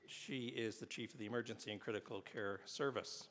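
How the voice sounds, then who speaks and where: A man's voice: fairly low pitch, steady tone, fairly quick, fairly bright tone, a little hiss or hum. A man presenting awards at a university ceremony, reading formal citations with the odd "uh" and a dry aside about himself. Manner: reads citations with filler "uh"s, adds dry self-deprecating asides. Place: large hall at a university convocation. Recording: long hall reverb.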